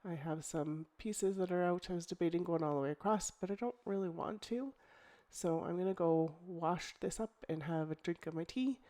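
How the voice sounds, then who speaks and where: In this casual crafting voice-over, a middle-aged woman with a cold-roughened, fairly low voice explains her scrapbooking at a normal speed with few pauses. She sounds relaxed and chatty, thinking out loud with ums and restarts.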